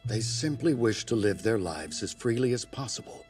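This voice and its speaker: A man playing a composed academy spokesman in an anime dub, with a husky, formal delivery. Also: on the low side, expressive, a little mellow, soft background music, natural voice. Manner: measured, formal. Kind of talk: anime English dub acting.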